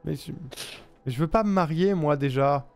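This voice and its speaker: A man's voice: on the high side, a little slow, gravelly, darkish tone. A man with an Auvergne accent hosting a casual live stream, joking and reading chat messages aloud. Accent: Auvergne French. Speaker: streamer host.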